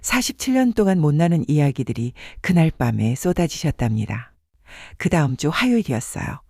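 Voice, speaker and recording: Husky, higher-pitched male storyteller. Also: big pitch swings, brisk, dry recording, studio quality. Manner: gentle, polite honorific storytelling. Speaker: radio story host. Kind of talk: storytelling narration.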